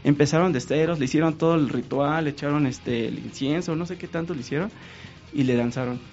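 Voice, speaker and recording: Animated Mexican man telling a story. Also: fairly high pitch, brisk, muffled recording, faint music behind. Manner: animated, acts out quoted dialogue. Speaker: guest painter. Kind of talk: casual storytelling.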